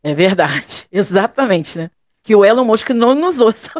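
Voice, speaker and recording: A woman with a Brazilian accent hosting a relaxed chat and asking her guest questions. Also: mid-range voice, moderate pace, no room sound. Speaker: host. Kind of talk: casual interview questions.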